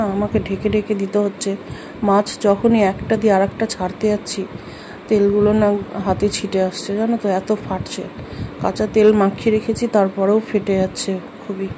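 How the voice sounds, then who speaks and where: A woman chatting casually in her home kitchen while she cooks for a vlog, rambling and correcting herself often. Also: mid-range voice. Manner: chatty, rambling, self-correcting, many fillers. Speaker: cooking vlogger. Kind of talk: casual cooking vlog chat. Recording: fan hum and room noise.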